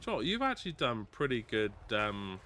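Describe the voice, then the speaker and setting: A man's voice: mid-range voice, big pitch swings, fairly quick, sharp tone, slight background noise. A man co-hosting a game stream, trading playful, teasing banter. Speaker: co-host.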